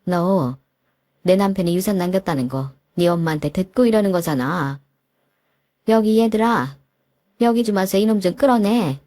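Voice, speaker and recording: A woman's voice: fairly low pitch, moderate pace, dark tone, dry recording, clean studio sound, natural voice. A woman voicing a widowed older mother, scolding furiously. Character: fierce grieving widowed mother.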